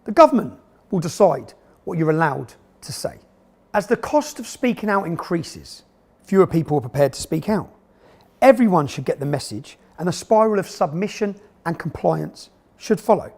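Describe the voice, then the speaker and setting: Male documentary narrator, sarcastic and emphatic, high and lively delivery. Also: moderate pace, creaky.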